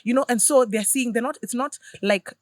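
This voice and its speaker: A woman, a podcast guest chatting casually and acting out lively stories about her children. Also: a little high, moderate pace, dry recording, studio quality. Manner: animated storyteller who acts out her kids' lines. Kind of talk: casual conversation.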